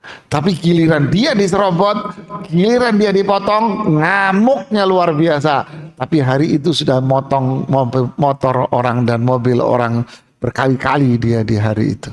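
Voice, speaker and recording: A male Islamic preacher giving a mosque sermon in a lively, colloquial manner, acting out everyday examples. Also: a little high, moderate pace.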